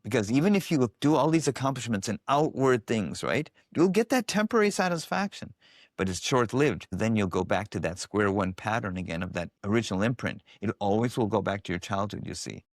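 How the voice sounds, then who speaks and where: Guy with a lowish voice, swings up and down a lot, podcast guest doing the voices of people in his stories, dry close sound. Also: a little fast, no echo. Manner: animated, acts out quoted voices. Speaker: guest, biofeedback specialist. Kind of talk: casual interview storytelling.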